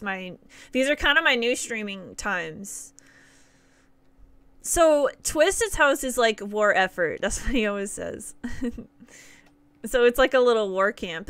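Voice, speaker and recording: A Nova Scotian woman in her thirties, with the accent to match, streams a game and chats upbeat with viewers, laughing often. Her medium-pitched voice is bright, forceful and smooth. The recording is dry, made in a small indoor room.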